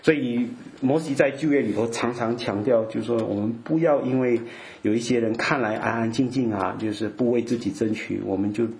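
A man's voice: medium pitch, brisk, a little mellow, a little hiss or hum. A middle-aged man preaching a sermon, often stumbling over repeated words and checking in with his listeners. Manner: repeats words, frequent 'ah' fillers, asks listeners OK.

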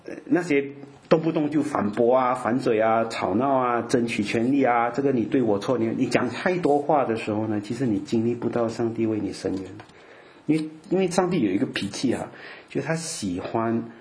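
With a medium-pitched, slightly mellow voice and a moderate pace, a middle-aged man preaches, frequently stumbling and repeating himself. He drops in many "ah" fillers and keeps checking that listeners are OK.

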